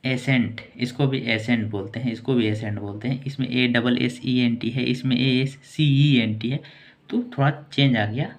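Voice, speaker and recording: A man teaching English vocabulary in a casual, repetitive way, saying each word slowly and repeating it. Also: mid-range voice, fairly even intonation. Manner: slow, repetitive word-by-word explaining.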